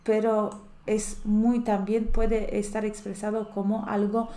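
Slow, patient woman teaching grammar. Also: mid-range voice, flat delivery, mellow, echoey room. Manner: explains patiently, often checks with a rising "¿sí?" or "¿no es cierto?". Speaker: language teacher. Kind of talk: grammar lesson.

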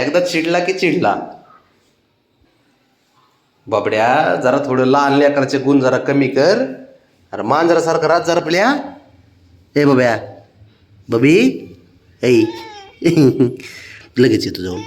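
A man's voice: mid-range voice, expressive, takes it slowly, long pauses, reverberant. A man talking to his cat in a coaxing, pleading way, like baby talk. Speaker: cat owner. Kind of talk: casual talk to a pet.

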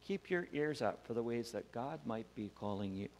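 A man's voice: mid-range voice, moderate pace. Man telling a church children's story. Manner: animated, acts out the voices in the story. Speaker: pastor giving a children's message. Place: church sanctuary. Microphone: wireless mic. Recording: church hall reverb with faint hum.

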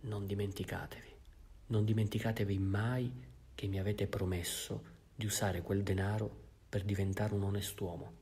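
A man reading the part of an elderly bishop, speaking calmly and kindly. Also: lowish voice, normal speed, close to an everyday voice. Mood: hushed, solemn. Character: elderly male bishop, gentle and serene.

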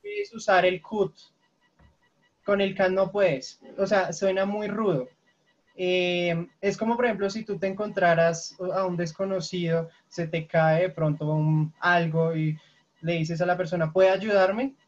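A woman's voice: lowish voice, steady tone, measured pace. Patient online English teacher, woman. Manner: patient, checks often for questions. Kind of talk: online class, explaining grammar. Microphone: video call. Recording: lo-fi online call audio.

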